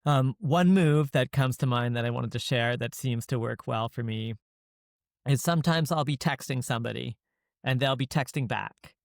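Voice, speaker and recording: A man hosting a podcast, speaking in a measured way and laying out his ideas step by step. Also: medium pitch, gravelly, no echo, clean studio sound. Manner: measured, explains in orderly steps. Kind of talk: casual conversation.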